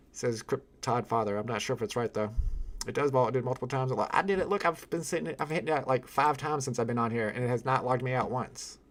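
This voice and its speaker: Guy on a live stream, rambling and worked up, reads the chat out loud, laughs a lot, mid-pitched voice. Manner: exasperated, rambling, laughs often. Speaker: livestream host. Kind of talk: casual live-stream chat, reading viewer comments.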